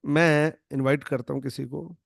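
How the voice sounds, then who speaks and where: A man's voice: a little high, steady tone, moderate pace, gravelly, no room sound, studio quality. A man leading an online network marketing training, emphatic and demonstrative, acting out lines to show tone. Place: online video call.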